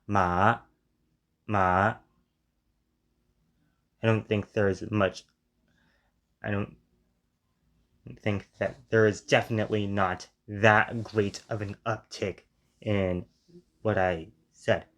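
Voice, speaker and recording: A man hosting a reaction video, analyzing and testing sounds on himself in a deliberate way. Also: lowish voice, flat delivery, a bit bright. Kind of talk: commentary on a played video.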